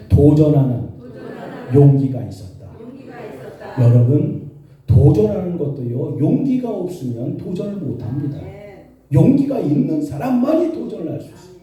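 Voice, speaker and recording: Korean pastor guy preaching, lively swoopy voice, dark tone, super echoey church from far off. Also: medium pitch. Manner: animated storytelling with voiced quotes. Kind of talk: sermon. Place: church sanctuary.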